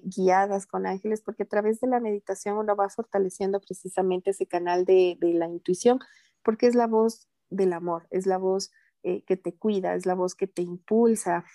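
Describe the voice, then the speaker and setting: A woman guest on a podcast, talking in a calm, earnest and gently reassuring way about spiritual matters. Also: mid-range voice, moderate pace, no room sound. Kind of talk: casual interview talk.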